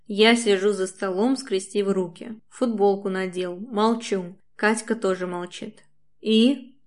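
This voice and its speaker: A woman's voice: medium pitch, steady tone, measured pace. A woman reading a first-person novel aloud in an intimate, emotional way. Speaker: audiobook reader. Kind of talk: first-person audiobook narration.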